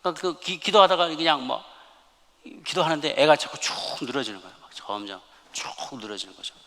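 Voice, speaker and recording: Pastor guy preaching, fairly high bright voice, tells it with lots of feeling, echoey church hall. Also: very animated, brisk. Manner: emphatic storytelling with loud scripture reading. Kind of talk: sermon. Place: church sanctuary. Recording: long church hall reverb.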